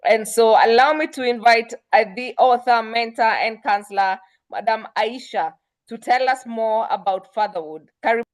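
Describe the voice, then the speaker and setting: A woman hosting an online talk over a video call, brisk and full of fillers. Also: a little high. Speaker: host.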